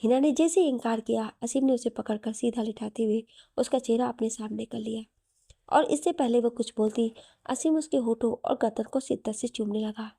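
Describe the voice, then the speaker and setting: A woman narrating a romantic audio story in a soft, even storytelling manner. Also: a little high, normal speed, gravelly, no room sound, studio quality.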